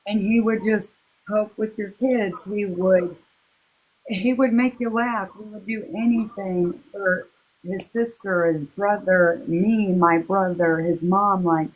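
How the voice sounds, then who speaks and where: A woman speaking as an interview guest, recalling personal matters in a halting, heartfelt, casual way. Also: medium pitch, steady tone, poor audio. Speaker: interview guest, victim's relative.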